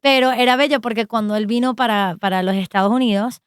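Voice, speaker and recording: Woman, animated radio storyteller, clean dry studio sound. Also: on the high side, quick pace, clear, resonant tone, no echo. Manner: animated storytelling with many fillers. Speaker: co-host. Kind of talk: casual radio chat about a saint's life.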